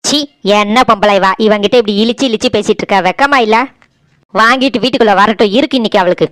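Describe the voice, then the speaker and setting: A woman's voice: mid-range voice, quick pace, a bit bright, natural voice. A woman with a Tirunelveli Tamil accent voicing a domineering, scolding older mother-in-law in a cartoon. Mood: contemptuous. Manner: scolding, accusing, self-pitying. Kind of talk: cartoon voice acting.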